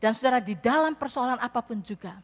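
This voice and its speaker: A woman pastor preaching a sermon, telling a story with animated acted-out voices. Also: a little high, fast. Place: church hall. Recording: long hall reverb.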